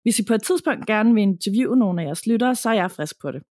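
A woman reads a listener's letter aloud for a podcast in a calm, even storytelling voice. Her pitch sits in the middle for a woman. The recording is close and dry. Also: dry recording.

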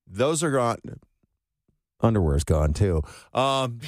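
A man's voice: mid-range voice, big pitch swings, slow, no room sound. A man hosting a morning radio show, moving between upbeat announcements and casual banter in a radio studio. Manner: morning show host delivery.

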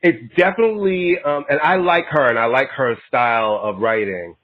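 A man co-host lays things out in relaxed chat and circles back to repeat his points. His voice sounds thin, as if it is coming over a phone line. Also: medium pitch, moderate pace. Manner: explanatory, insider talk, repeats himself. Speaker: podcast co-host. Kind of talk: casual chat.

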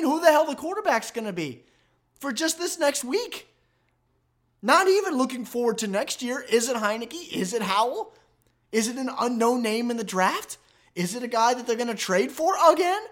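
Exasperated by his team's defeat, a sports podcast host delivers an emphatic rant as part of his fan commentary show. His voice is very high-pitched and a bit bright.

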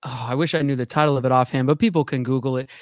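A man's voice: mid-range voice, fairly even intonation, very fast, no echo, studio quality. A man, an actor, chatting casually as a guest on a radio show, in a rambling, easygoing way and laughing often. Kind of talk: casual radio interview chat.

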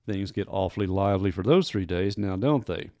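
A man talks recruiting news on his solo podcast, wry and easygoing. His voice sits on the low side. The sound is close and dry, with no room behind it. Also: a little fast, dark tone, dry recording. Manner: wry, conversational, self-mocking asides. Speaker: sports beat reporter and podcast host.

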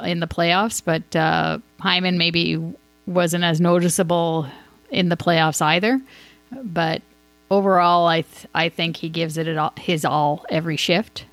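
A woman talking casually as a sports podcast host, rambling and thinking out loud as she gives her opinions. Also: fairly low pitch, creaky, dry recording. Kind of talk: casual hockey commentary.

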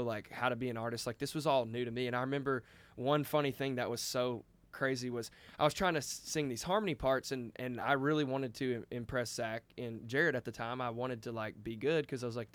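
A band member tells a long story casually, rambling with many restarts and a lot of "like." His voice is medium in pitch with a fairly bright tone, and the recording is dry.

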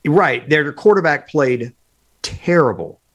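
Male podcast co-host, casual, opinionated, excitable delivery over a remote call. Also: on the high side, slow pace. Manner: animated, opinionated, talks in bursts with fillers. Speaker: podcast co-host, football analyst. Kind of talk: casual sports podcast chat.

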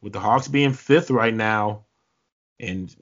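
Male podcast host, relaxed and casual, lo-fi sound. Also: on the low side, slow pace. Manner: laid-back, self-deprecating, with filler words. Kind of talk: casual sports podcast chat. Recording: slightly dull lo-fi audio.

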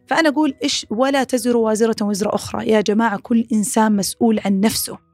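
A woman hosting a podcast, giving casual advice, animated and repeating phrases as she talks. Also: dry recording, faint music behind. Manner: animated, acts out quoted critics in a higher voice; rapid, repeats phrases, many fillers. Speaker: podcast host.

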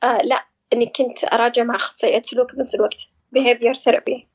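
A woman, speaking as an interview guest about her own experience, pausing often to search for words. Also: on the high side, steady tone, slightly rough, lo-fi sound. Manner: hesitant, searching for words, reflective. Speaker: guest sharing personal experience. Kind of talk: casual conversational interview.

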